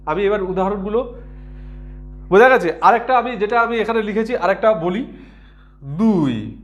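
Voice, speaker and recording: A man's voice: sits high, animated, normal speed, muffled recording, faint music behind. A man teaching grammar, patient and repetitive, often checking whether his students follow. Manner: patient, repeats words and asks if students understand. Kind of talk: explanatory lesson.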